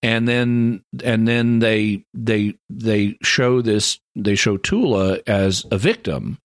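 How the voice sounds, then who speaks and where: A man co-hosting a podcast, explaining a point at length in casual discussion and growing animated as he argues it. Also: fairly low pitch, slow pace, dry recording, studio quality. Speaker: podcast co-host.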